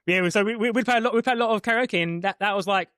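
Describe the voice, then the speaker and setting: With a high-pitched, somewhat bright voice, a young man co-hosts a podcast in studio quality with no echo. He talks casually and quickly, wandering off topic and starting over many times.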